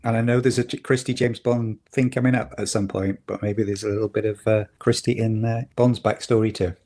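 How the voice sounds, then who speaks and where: A man co-hosting a podcast in casual chat, opinionated and getting animated when something annoys him. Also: on the low side, a little fast. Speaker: podcast co-host.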